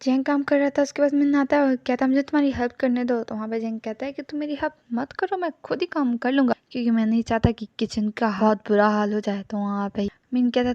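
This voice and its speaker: A woman's voice: sits high, darkish tone, dry recording, highs cut off. A woman narrating a casual plot recap. She retells the scenes line by line and quotes each character plainly.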